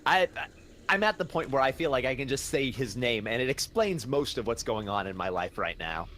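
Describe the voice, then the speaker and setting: A man's voice: medium pitch, expressive, brisk, a bit bright, slight background noise. A man playing a tabletop game, speaking eagerly and stammering as he chats in character. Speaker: player.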